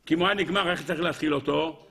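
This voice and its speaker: A rabbi teaches a weekly Torah lesson in a high, bright, keen voice. He fires off rhetorical questions, repeats them and answers them himself. He swings animatedly between raised and lowered tones while calling his listeners gentlemen. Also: gravelly.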